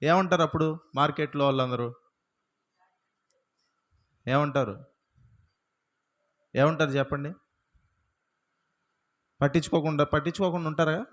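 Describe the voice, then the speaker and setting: The preacher here is a man whose fairly high, slightly bright voice stays steady and unhurried, with frequent pauses. Throughout his sermon he poses rhetorical questions to the congregation and stresses points with repeated hallelujahs.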